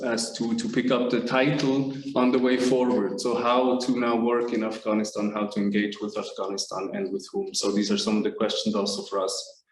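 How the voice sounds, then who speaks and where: A man's voice: on the low side, echoey room, poor audio. Hesitant man moderating a roundtable. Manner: hesitant, many filler sounds. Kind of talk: formal opening remarks.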